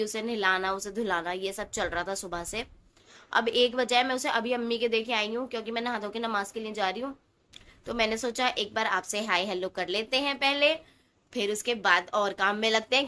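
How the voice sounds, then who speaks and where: A young woman with a somewhat high voice gone hoarse from a sore throat chats casually to her camera. She sounds tired, rambles about her day at home and mixes English words into her everyday talk. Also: sharp tone. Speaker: mom vlogger. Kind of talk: casual vlog chat to camera.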